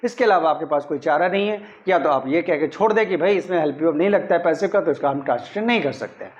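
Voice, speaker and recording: A man with a slightly high voice teaches a grammar lesson, numbering each step and repeating his questions in a patient, methodical way. The recording sounds dull and lo-fi. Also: expressive, quick pace. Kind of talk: explaining a grammar lesson in Hindi.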